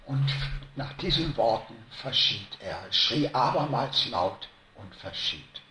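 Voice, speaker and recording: Slow, lively German preacher in echoey room. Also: male voice, medium pitch, noisy background. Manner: slow, emphatic, swinging between loud stresses and hushed drops. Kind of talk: sermon.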